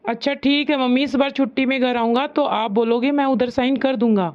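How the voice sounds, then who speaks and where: A woman's voice: sits high, fairly even intonation, a little fast, highs cut off, close to an everyday voice. A woman voicing an agreeable adult son speaking on the phone in a cartoon story. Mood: obliging. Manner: agreeable, easygoing.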